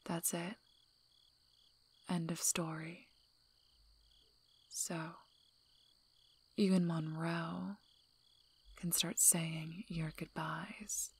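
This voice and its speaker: A woman plays a wary she-wolf alpha in an ASMR scene, her husky, lowish half-whisper soft and loaded with vocal fry. The tone is dry, flat and unhurried yet wryly protective, with an exaggerated voice and a cold, stern mood.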